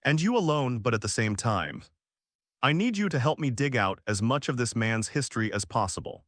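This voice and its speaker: A man, likely a synthetic voice, reading the lines of a calm, menacing young boy wizard in a measured delivery. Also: mid-range voice, no room sound, clean studio sound.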